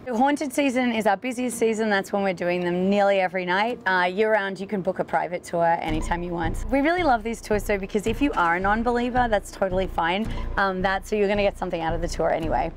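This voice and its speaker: A woman's voice: mid-range voice, fast, slight background noise. A woman ghost tour guide explaining things casually in an interview, with an informal, wry way of talking.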